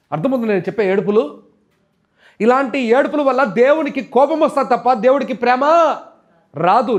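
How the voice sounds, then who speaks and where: A man's voice: high voice, a little mellow. A man preaching a sermon, asking rhetorical questions and acting out people's complaints. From India. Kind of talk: Telugu sermon.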